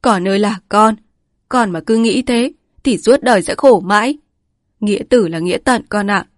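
A woman's voice: mid-range voice, normal speed, no room sound, studio quality, voice pushed up, lightly acted. A woman voicing a grieving old village woman who scolds and pleads. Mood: pleading.

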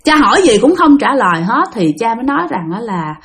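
A woman's voice: fairly high pitch, very animated, brisk, fairly bright tone. A woman telling a ghost story casually, talking straight to her listeners. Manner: chatty, addresses listeners directly.

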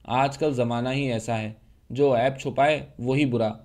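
A fiery young woman from a storybook reading, scornful and mocking. A man acts her out. Her cutting words rise into angry shouts. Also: medium pitch, steady tone, lightly acted.

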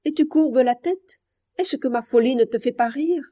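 Woman reader as tormented jealous young woman; passionate, mellow, storybook reading. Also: sits high, normal speed, voice pushed up. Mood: obsessed, anguished. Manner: passionate, anguished. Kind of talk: audiobook reading.

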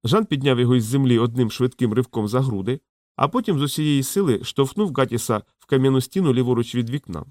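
A man narrating a fantasy audiobook in a steady, measured storytelling voice. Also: medium pitch, dry recording, clean studio sound. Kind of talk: scripted narration.

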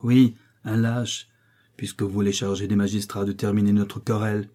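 A man's voice: lowish voice, completely flat delivery, fast talker, warm tone, lightly acted. A man reading the part of a chained villain, talking in a contemptuous, sneering way in an audiobook.

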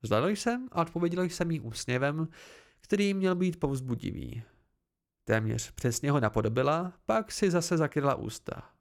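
Gravelly male audiobook narrator. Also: fairly high pitch, expressive. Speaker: audiobook reader.

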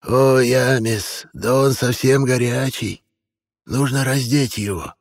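A man voicing an old woman herbalist in an audiobook, fretful and fussing, talking slowly and softly. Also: mid-range voice, no echo, clean studio sound, long reverb tail, pitched above the performer's own voice. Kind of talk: audiobook character voice.

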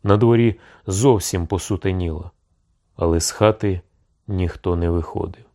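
A man narrating an audiobook in a slow, measured storytelling manner. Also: sits low, warm tone.

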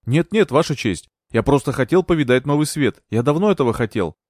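An indignant young gentleman, acted by a male narrator, protesting his innocence with a lively, rising voice. It is recorded close and dry. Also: mid-range voice, brisk, dry recording, natural voice. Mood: indignant, pleading. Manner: pleading, indignant. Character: indignant young English gentleman accused of murder.

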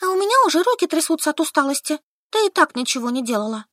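Woman doing a shrill pushy young girl. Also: big pitch swings, brisk, fairly bright tone, no echo, clean studio sound. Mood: insistent. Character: excitable, bossy young woman, pushy and squeaky. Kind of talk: audiobook character reading.

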